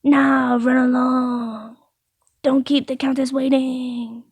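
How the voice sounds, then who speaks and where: A woman's voice: high-pitched, level tone, slow pace, creaky, a little mellow, husky, no room sound, heavily acted. A woman doing a chatty nosy baker man. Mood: friendly nosy. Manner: friendly, prying.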